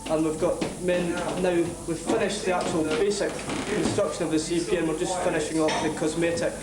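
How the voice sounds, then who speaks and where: A man, an army lieutenant, giving a hesitant briefing to camera with frequent pauses. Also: on the high side, fairly even intonation, distant mic, over a noisy crowd. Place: inside a newly built command post. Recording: roomy, echoing location sound.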